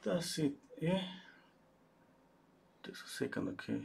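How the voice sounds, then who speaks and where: A man's voice: a little high, animated, slow pace, creaky, a little mellow. A man hosting a live oil-painting stream. He thinks aloud while he paints, answers viewers' chat, and often restarts his sentences. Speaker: painting livestream host.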